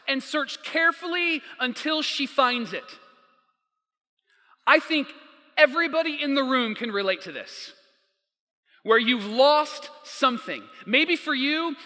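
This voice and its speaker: High bright-voiced man preaching. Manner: storytelling, emphatic, slows down for quotes. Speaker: pastor. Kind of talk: sermon. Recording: long hall reverb.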